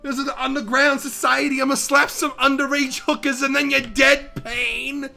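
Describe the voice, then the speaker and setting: A man voicing a brash woman in an over-the-top put-on Boston accent, loud and high-pitched. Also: little pitch movement, moderate pace, vocal fry, full character voice.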